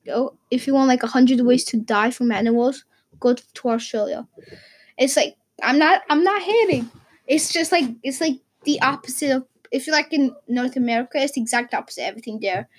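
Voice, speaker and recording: A woman's voice: high voice, low-quality recording. A teenage girl from Portugal, vlogging in a casual, rambling way with lots of fillers and restarts. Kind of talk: casual chat.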